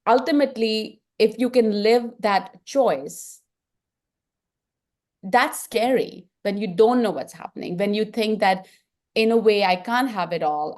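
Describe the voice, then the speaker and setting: A middle-aged film director with an Indian accent speaks in an unhurried, mid-range voice. In a reflective interview, she talks earnestly and thinks aloud, often restarting her sentences.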